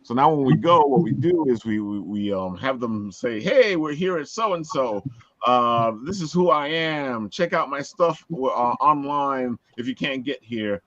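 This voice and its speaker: A man's voice: medium pitch, lively intonation, unhurried, a bit bright, dry recording, lo-fi sound. A man with a Brooklyn accent hosting a show in casual, chatty talk. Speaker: host of a comics and convention talk show. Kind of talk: casual chat.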